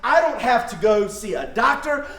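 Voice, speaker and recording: A man voicing a crowd of frantic, excited wandering people in a children's Bible lesson, with shrill exclamations. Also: normal speed, creaky, reverberant, exaggerated voice. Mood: overjoyed.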